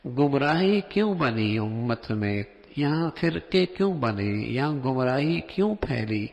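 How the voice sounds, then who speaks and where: A man delivers a sermon at a mid pitch, his voice gravelly with fry. His words ring out with a long hall reverb, and he explains things step by step, voicing examples to make a point. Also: very animated, darkish tone. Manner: explanatory, acts out example phrasings. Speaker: preacher.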